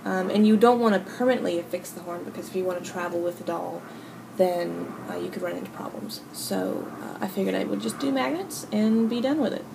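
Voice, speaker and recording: A woman talks through a hobby project in a casual, halting way, thinking aloud as she goes. Her medium-pitched voice has plenty of vocal fry, and there is clear noise on the home recording. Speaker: hobby video host. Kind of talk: casual unscripted craft tutorial.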